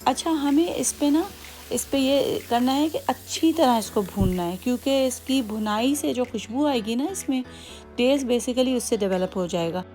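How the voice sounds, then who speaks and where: A woman's voice: high-pitched, moderate pace, a little mellow, faint music behind. A woman with a Hyderabadi accent hosting a home cooking tutorial, chatty and patient as she explains each step with many asides. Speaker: cooking channel host.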